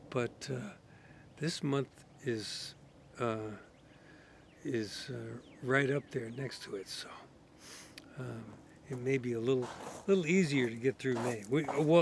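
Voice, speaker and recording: A sick, coughing man rambling casually outdoors in his garden for his vlog, his voice going hoarse. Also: mid-range voice, slight background noise. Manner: rambling, many fillers and restarts. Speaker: garden vlogger.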